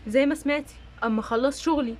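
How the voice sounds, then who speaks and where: A woman voicing a busy young engineer man doll, dropping her voice lower, with an Egyptian Arabic accent and an evasive, flustered manner. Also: fast talker, very noisy, natural voice. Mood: curt.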